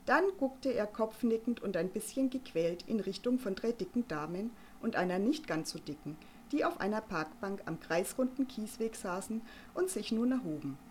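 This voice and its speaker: Expressive woman reading a children's story. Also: medium pitch, moderate pace, few pauses, a little hiss or hum. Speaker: narrator.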